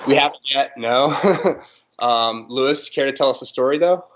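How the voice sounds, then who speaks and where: A man's voice: mid-range voice, fairly even intonation, moderate pace, fairly bright tone. Laid-back man on a dull call line. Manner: laid-back, full of fillers. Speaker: race organizer guest. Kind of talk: casual podcast chat.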